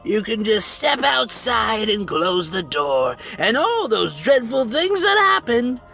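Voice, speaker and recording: A man playing a gleefully mad, bitter villain in a theatrical dramatic monologue, taunting with a gravelly, sharp-edged voice. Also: high voice, big pitch swings, takes it slowly, heavily acted. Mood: grandly mad. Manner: theatrical, swooping from hushed menace to manic shrieks. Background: music.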